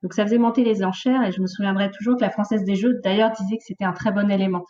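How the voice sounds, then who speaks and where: A woman in her late thirties, a podcast guest, telling her life story in a lively, casual way with many fillers. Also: medium pitch, very fast, highs cut off. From France, of Portuguese origin. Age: late 30s. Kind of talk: casual conversational interview.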